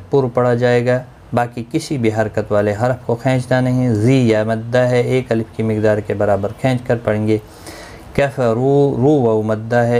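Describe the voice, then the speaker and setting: A man teaching Quran recitation rules, explaining each word in brisk, rule-by-rule steps and chanting the verses slowly. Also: lowish voice, warm tone, slight background noise. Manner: slow melodic Quran recitation between explanations. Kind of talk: tajweed lesson, explaining each word in Urdu.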